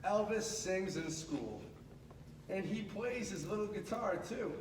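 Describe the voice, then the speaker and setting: At a measured pace, a high-voiced man reads a picture book aloud to children indoors at a school, expressive and chatting to his listeners along the way. The room is echoey, the mic sits far off, and the background is noisy.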